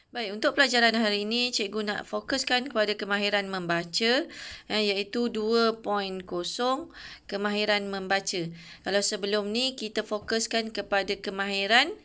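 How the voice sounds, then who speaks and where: A woman's voice: mid-range voice, pushed and bright, clean tone. Malaysian woman teacher, hesitant fillers. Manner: explains step by step, with frequent hesitant fillers. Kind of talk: recorded online class lesson.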